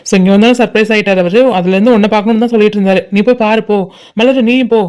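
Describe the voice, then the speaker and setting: A woman voicing a cheerful visiting relative in a cartoon, chatty and excited when greeting old friends. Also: mid-range voice, racing, clean tone, close to an everyday voice.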